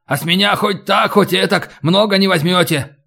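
A man's voice: high-pitched, moderate pace, creaky, sharp tone, voice pushed up, exaggerated voice. A man voicing a terrified young bandit who pleads and bargains for his life. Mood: pleading. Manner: pleading, panicky.

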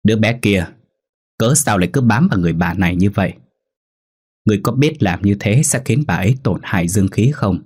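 A man's voice: lowish voice, expressive, brisk, a little mellow, husky. A man voicing a stern Buddhist monk who admonishes a spirit in a ghost story.

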